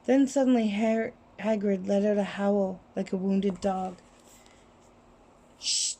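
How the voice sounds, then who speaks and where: A woman reads a story aloud in a steady, expressive way. Her tone is warm and mellow, at a middle pitch. It is recorded on a cell phone. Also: unhurried. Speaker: reader. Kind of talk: storybook reading.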